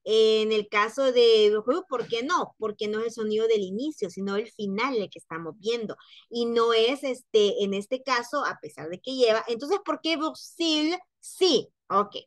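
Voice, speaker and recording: Woman w teaching french sounds, patient, keeps repeating them, kinda high voice, dry sound. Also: a little slow, dry recording. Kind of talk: online phonetics lesson.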